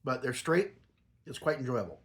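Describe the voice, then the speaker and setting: A man's voice: mid-range voice, very animated, moderate pace. A middle-aged or older man chatting casually and rambling like a home reviewer, talking with a lip full of dip. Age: middle-aged or older, a grandfather. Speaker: product reviewer.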